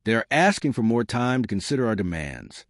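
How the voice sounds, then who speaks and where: A man's voice: medium pitch, very animated, a little fast, no room sound, clean studio sound. A man voicing a dutiful alien tactical officer. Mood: reporting. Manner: formal, reporting.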